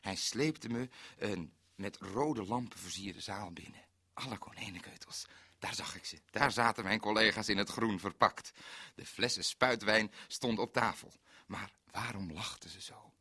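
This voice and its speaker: A man's voice: on the low side, moderate pace, bright, forceful tone, slightly rough, no room sound, heavily acted. An actor playing a naive, bumbling male forest ranger in a radio comedy monologue, with fussy, odd exclamations. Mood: flustered. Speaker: comic storyteller.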